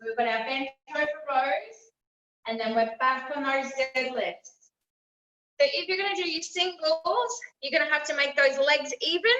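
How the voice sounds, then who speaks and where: A woman's voice: high-pitched, normal speed, sharp tone. A woman leading a group workout as fitness instructor, giving encouraging cues and instructions. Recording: roomy, distant mic, slightly dull.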